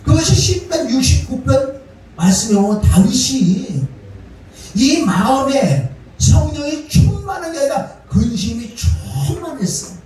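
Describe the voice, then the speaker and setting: A man preaching a sermon as pastor, animated and often calling the congregation to say amen. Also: very high voice, unhurried. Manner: animated, calls for amens. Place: church sanctuary. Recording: echoey church hall from far off, music behind.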